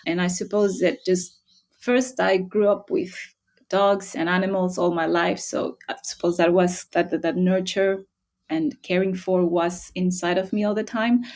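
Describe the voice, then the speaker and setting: A woman, a researcher talking as a guest in a relaxed interview, thoughtful and friendly, often laughing. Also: on the low side, a little slow. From Costa Rica. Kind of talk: casual interview talk.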